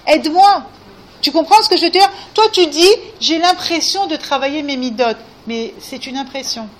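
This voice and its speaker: Earnest woman teaching, coaxing and high. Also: normal speed, a little hiss or hum. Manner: earnest, coaxing, repeats questions. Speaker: religious teacher. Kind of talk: spiritual guidance talk to a group.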